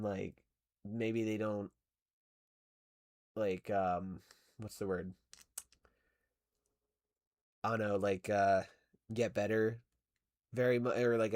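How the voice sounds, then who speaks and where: This young man streams while doing stop-motion animation, rambling through casual chat, reading messages, laughing often, and filling his talk with fillers and self-corrections. His voice sits on the low side, and the sound is clean studio audio with no room sound.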